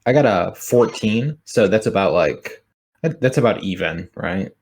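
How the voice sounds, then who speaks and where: A man's voice: low-pitched, expressive, a little slow, a little mellow, slight background noise. A man playing a tabletop game, describing his character hesitantly and thinking aloud. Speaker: player.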